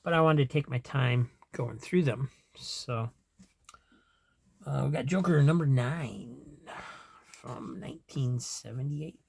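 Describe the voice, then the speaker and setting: A man's voice: medium pitch, slow pace, creaky, a little mellow, slightly rough. A man in casual chat as a comic collector vlogger, rambling, trailing off and chuckling to himself as he goes.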